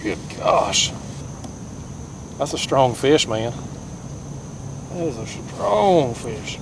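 Young man, folksy and excited, laughs a lot, kayak fishing vlog, action camera, outdoor noise. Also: medium pitch, drawn-out words, gravelly. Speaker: fishing vlogger. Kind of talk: casual outdoor fishing commentary. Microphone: action camera mounted on the kayak.

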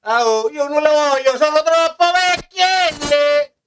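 A woman's voice: high voice, fairly even intonation, takes it slowly, background noise. A woman voicing a grumbling, complaining picnicker puppet with a colloquial central Italian accent in a children's show.

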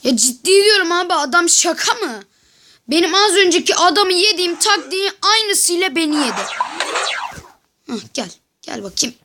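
Excitable high-voiced woman gaming. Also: fairly quick. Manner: excitable, yells at the game in frustration; talks to viewers directly. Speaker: gameplay commentator. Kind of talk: casual game commentary. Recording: noisy background with mouse clicks.

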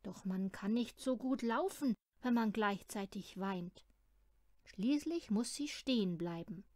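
A woman reading a children's storybook aloud in an unhurried, expressive way. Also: medium pitch, no echo, clean studio sound. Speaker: storybook reader.

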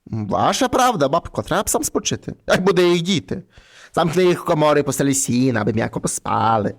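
A man's voice: on the high side, sing-song, fairly quick. A man voicing a polite, earnest young shepherd lad in a read-aloud fairy tale.

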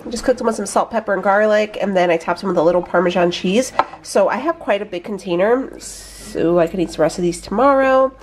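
This young woman talks fairly quickly, barely pausing, in a mid-range voice, with a little hiss or hum on the audio. Her allergies leave her stuffy and nasal as she rambles cheerfully about her meals in a casual food diary, shot on a handheld phone in her home kitchen.

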